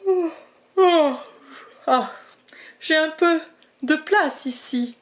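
A woman's voice: sits high, very animated, voice pushed up, full character voice. A woman voicing a sleepy male badger who yawns through his words in a storybook reading. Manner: drowsy, yawning, drawn-out.

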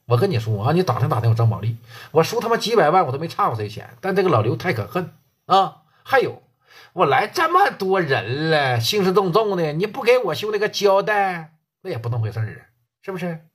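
A man's voice: fairly high pitch, sing-song, brisk, breathy edge. A man voicing a swaggering male gang boss who taunts and bosses around a rival. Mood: domineering. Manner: taunting, bossy and crude. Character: swaggering middle-aged male gang boss, mocking and domineering.

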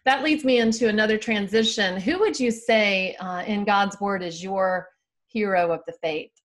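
A middle-aged woman hosts a faith-based interview from her home over a webcam. She asks about the guest's faith and keeps the talk moving with short, affirming responses, and her pitch is in the middle of the usual range. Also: normal speed. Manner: warmly affirming, frequent short agreements. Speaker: host. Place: home room, video call.

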